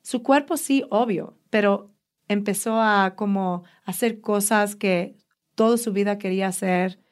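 Here is a woman fitness trainer being interviewed, and she tells her stories eagerly and with a lot of life. Her pitch sits at an ordinary middle level for a woman. She talks casually and chattily. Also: measured pace, clear, resonant tone. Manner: enthusiastic, animated storyteller.

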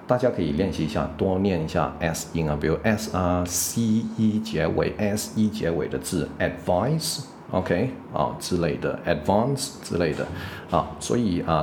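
A man with a Taiwanese Mandarin accent and a very low voice, teaching English pronunciation in a relaxed spoken lesson. He explains patiently and keeps checking in with English fillers. A faint hiss sits under the recording. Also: normal speed.

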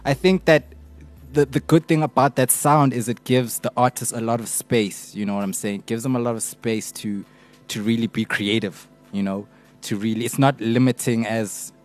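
A man's voice: mid-range voice, steady tone, normal speed, faint music behind. A man with a South African accent discussing casually as a podcast panelist, often checking in with small tag phrases. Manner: often tags phrases with "you know".

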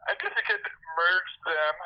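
A man's voice: on the high side, a little slow, dry recording. A man talking on speakerphone from a dinner out, easygoing and a little cocky in casual chat. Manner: easygoing, laid-back, a bit cocky. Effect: heard over a phone on speakerphone. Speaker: friend phoned on the show. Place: out at a restaurant dinner. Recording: muffled phone line on speaker.

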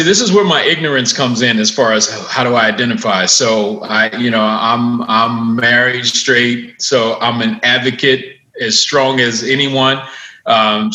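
A man's voice: medium pitch, pushed and bright, echoey room, low-quality recording. A man from Chicago, a CEO chatting as a panel guest over a video call, hesitant with many fillers and restarts. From Chicago, USA. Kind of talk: casual panel chat.

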